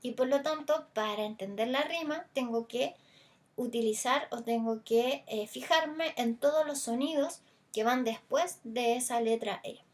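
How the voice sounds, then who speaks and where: A Chilean woman gives a recorded language lesson in a somewhat high voice. She walks through examples patiently, drawing out the stressed vowels of words to show them. Her explanation runs along with small hesitant fillers. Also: unhurried. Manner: stretches stressed vowels to demonstrate. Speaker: teacher.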